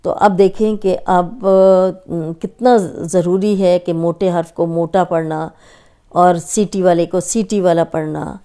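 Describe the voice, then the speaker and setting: A woman gives a recorded tajweed lesson. Her voice is warm, mellow and smooth. She explains with patience and draws out single letter sounds to show how each one should be said. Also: on the low side, fairly even intonation. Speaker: Quran recitation teacher.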